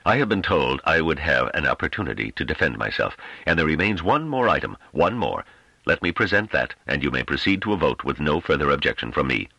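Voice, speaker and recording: A man reading an audiobook, voicing a male councillor who argues in a grave, measured and sardonic way. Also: very deep voice, very animated, creaky, bright, forceful tone, breathy edge, dry recording, dull audio, full character voice. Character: calm sardonic male councillor defending himself.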